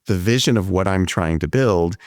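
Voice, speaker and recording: A man hosting a podcast conversation, speaking in a measured, reflective way and explaining his ideas at length. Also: low voice, dry recording. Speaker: podcast host. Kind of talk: conversational interview.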